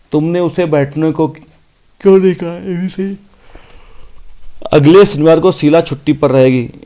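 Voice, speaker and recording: A man teaching an exam-prep grammar lesson, reading each sentence out slowly and then explaining it briskly. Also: fairly high pitch, dark tone. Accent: Hindi.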